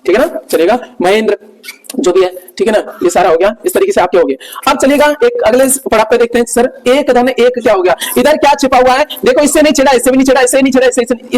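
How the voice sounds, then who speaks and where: A man's voice: extremely high pitch, low-quality recording. A man teaching a grammar lesson to a class, explaining rules step by step and asking the students again and again whether they follow. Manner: keeps asking the class checking questions.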